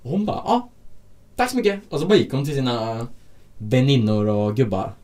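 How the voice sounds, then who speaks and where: A man in casual chat, recounting work stories about hotel breakfast guests, acting out the quotes and swearing often. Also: medium pitch. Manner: animated storytelling with acted-out quotes; frequent swearing.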